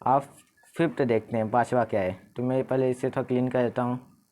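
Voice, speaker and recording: A young man teaching an exam paper, explaining each answer step by step and reading the sentences slowly. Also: medium pitch, steady tone, darkish tone. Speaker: English tutor. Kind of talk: exam paper walkthrough lesson.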